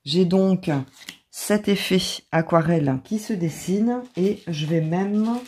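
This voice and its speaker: A woman with an accent of her own in French, calmly talking through a craft tutorial step by step as the channel's host. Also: on the low side, takes it slowly, slightly rough. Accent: non-native or regional French accent. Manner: calm step-by-step explaining.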